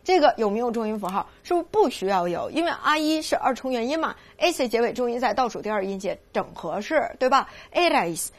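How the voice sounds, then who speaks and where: A woman teaching a Spanish grammar lesson, coaxing her students with constant questions and slowly drilling the verb forms. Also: fairly high pitch. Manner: lively, coaxing, full of rhetorical questions.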